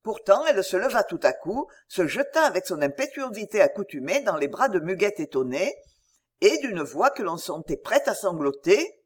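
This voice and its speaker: A woman narrating a novel aloud as an audiobook, with expressive storytelling. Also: mid-range voice, normal speed.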